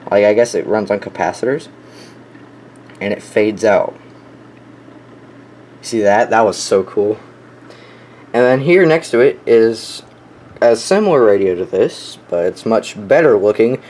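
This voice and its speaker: A young man with a low, darkish voice walks through his collection of weather radios. His unscripted show-and-tell is casual and hobbyist-eager, and the home recording is clearly noisy.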